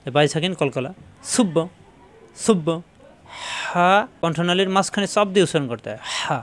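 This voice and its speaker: A middle-aged man teaching Quran pronunciation, repeating each syllable slowly and correcting common mistakes. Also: fairly high pitch, a bit bright. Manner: slow, drawn-out syllable-by-syllable drilling of sounds. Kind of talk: religious pronunciation lesson.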